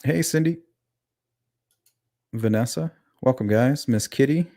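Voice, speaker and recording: A man with a lisp hosts a casual true-crime livestream, reading chat aloud, chatting conversationally and putting questions to his audience. His mid-range voice is warm and unhurried, recorded at studio quality with no echo.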